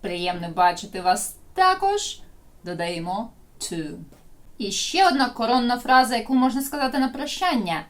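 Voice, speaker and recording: A woman teacher leads a video lesson, her voice animated and bouncing through a wide pitch range. She explains rules, then slows right down to model phrases for learners to repeat. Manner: explains in Ukrainian and slowly models English phrases for repetition. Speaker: English teacher.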